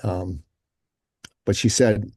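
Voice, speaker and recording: A man's voice: fairly low pitch, takes it slowly, slightly rough, no echo. Man, podcast guest, casual storytelling, lots of fillers, dry close sound. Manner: animated storyteller, acts out quotes; frequent fillers like um and you know.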